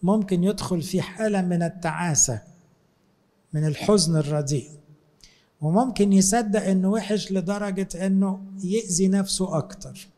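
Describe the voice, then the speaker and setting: A man's voice: high-pitched, moderate pace, warm tone. A man with an Egyptian Arabic accent, a priest giving a conversational sermon and acting out his talks with people. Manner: conversational, acts out dialogues with people.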